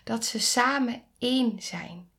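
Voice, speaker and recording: Earnest woman with a gravelly, creaky voice. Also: a little high. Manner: earnest, slow and intimate, drops into soft breathy near-whispers; rises to emphatic, pleading tones. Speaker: podcast host. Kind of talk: reflective podcast monologue.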